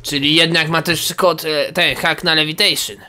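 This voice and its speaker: A man's voice: fairly high pitch, steady tone, moderate pace, sharp tone. A man hosting a casual gaming session with friends, teasing and laughing often. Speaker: let's play host.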